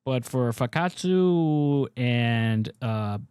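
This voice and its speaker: A man's voice: medium pitch, lively intonation, very slow, darkish tone, smooth, no room sound, studio quality. A man giving loose, rambling gameplay commentary as a gaming YouTuber, swearing freely as he plays.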